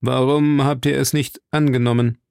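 A man's voice: mid-range voice, level tone, normal speed, creaky, darkish tone, clear, resonant tone, no echo, close to an everyday voice. A man reading as a curt, stern English lord.

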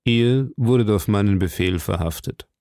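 A man voicing a powerful, scheming old cardinal who speaks slowly and probingly. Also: lowish voice, mellow, no room sound, studio quality, lightly acted. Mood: stern. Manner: slow, measured, probing.

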